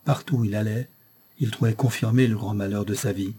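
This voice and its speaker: A man narrating a novel as an audiobook in a measured, steady reading. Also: on the low side, slightly rough. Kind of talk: scripted narration.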